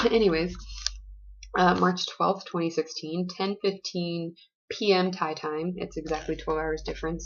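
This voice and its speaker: A woman's voice: lowish voice, pushed and bright, lo-fi sound. An American woman in her twenties, chatty and playful, narrating a casual travel diary. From United States. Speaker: vlogger.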